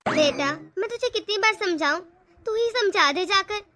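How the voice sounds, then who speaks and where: A woman's voice: very high voice, lively intonation, normal speed, pushed and bright, heavily acted. A woman voicing a stubborn older mother-in-law who nags and scolds in a stern way, in a homemade family drama. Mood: scolding. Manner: nagging, stern.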